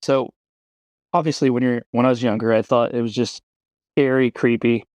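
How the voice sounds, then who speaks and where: A man's voice: mid-range voice, steady tone, moderate pace, a little mellow, no echo. A younger man, a podcast guest, talking reflectively about films and hedging with fillers. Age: younger adult. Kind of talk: casual film discussion.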